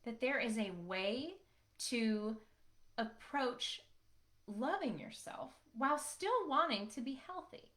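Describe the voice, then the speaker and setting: A woman's voice: fairly high pitch, lively intonation, slow pace, a bit bright. Middle-aged woman telling her story. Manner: conversational, frequent "right?" tag questions. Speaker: podcast host. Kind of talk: casual storytelling.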